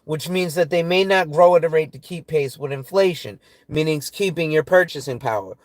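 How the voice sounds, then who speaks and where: A man's voice: on the high side, moderate pace, no room sound. Tired, casual man in his forties. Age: 40s. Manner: loose and profane, often tags "right?". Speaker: financial advisor. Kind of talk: casual talk reading through financial tips.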